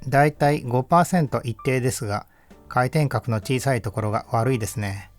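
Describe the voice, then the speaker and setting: A man giving calm, measured, scripted narration that explains equipment test results step by step. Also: medium pitch, soft background music. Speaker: audio equipment reviewer. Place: voice-over.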